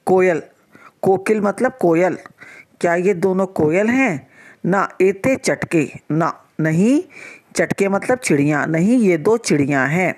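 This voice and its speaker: A woman teacher giving a lesson to children, speaking slowly and patiently and repeating every line to explain it. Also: on the low side, lively intonation, a little mellow.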